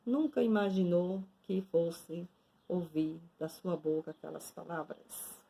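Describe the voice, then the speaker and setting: A woman, a nun giving a devotional, telling a story in a slow, dramatic second-person way. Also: on the low side, vocal fry, mellow, poor audio.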